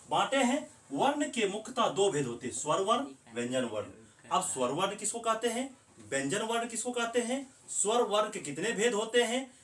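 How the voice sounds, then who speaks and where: A man's voice: sits high, fairly bright tone. A man teaching a grammar lesson, who asks the class questions and then answers them himself. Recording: echoey room, voice from a distance.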